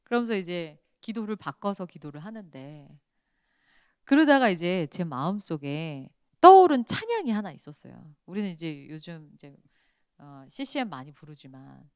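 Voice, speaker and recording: Smooth-voiced woman teaching a prayer class. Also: fairly low pitch, dry recording, studio quality. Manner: lively storytelling, acting out quoted voices.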